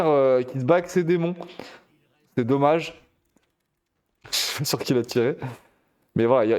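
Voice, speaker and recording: A man casting a competitive shooter match live, chatty and excitable, talking straight to his viewers. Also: medium pitch, smooth. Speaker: esports caster. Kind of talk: live game commentary.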